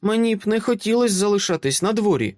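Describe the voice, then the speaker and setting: A man doing a calm little British girl. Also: sits high, quick pace, dry recording, studio quality, voice pushed up. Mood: calm earnest. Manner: calm, composed and earnest. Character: serious seven-year-old girl, calm and precise.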